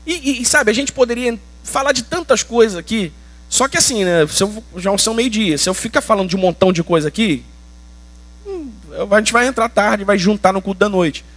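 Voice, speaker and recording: Brazilian pastor guy, high voice, preaching casual and punchy, slangy. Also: a little fast, fairly bright tone. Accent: Brazilian Portuguese. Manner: colloquial, emphatic preaching with slangy asides. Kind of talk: sermon.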